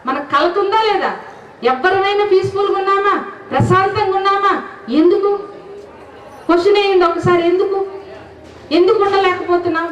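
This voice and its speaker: Her voice very high-pitched and steady, a woman delivers a devotional talk with sung verses at a moderate pace, pausing often. She speaks earnestly to the gathering and keeps asking them questions, recorded in a dull, echoey hall from a distance.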